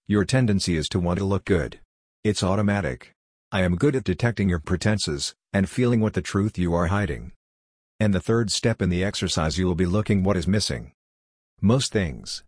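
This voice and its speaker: In a studio-quality recording without room sound, a life coach with a deep, slightly mellow and husky voice delivers a reflective self-help monologue. He is earnest and direct, addressing the listener personally.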